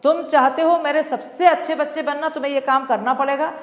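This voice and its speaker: A woman's voice: sits high, fairly even intonation, a little fast. A woman chemistry teacher lecturing a class, switching between Hindi and English as she dictates and quizzes students. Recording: roomy classroom with long reverb.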